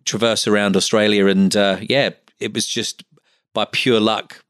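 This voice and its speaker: A man's voice: on the low side, flat delivery, measured pace, fairly bright tone, smooth, dry recording, studio quality. A middle-aged man from Essex with an Essex accent, talking casually as an interview guest in a chatty, stop-start way. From Essex, England. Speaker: interview guest, medical finance business owner.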